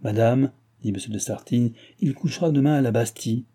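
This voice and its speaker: A man's voice: medium pitch, fairly quick, dark tone, close to an everyday voice. A man voicing a royal police lieutenant who talks in an earnest, deferential way.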